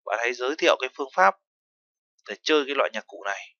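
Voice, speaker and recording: A man's voice: mid-range voice, expressive, rapid-fire, sharp tone, no echo, highs cut off. A man teaching a language lesson, explaining terms step by step and mixing in foreign words. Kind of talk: lesson narration.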